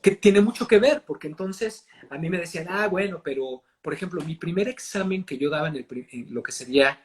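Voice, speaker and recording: A Mexican-accented man talks in a casual interview, pitching slightly high. He explains his technique with animated swings in pitch and loudness. He sounds like a coach teaching. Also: a little fast, a little hiss or hum. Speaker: acting and voice coach, guest.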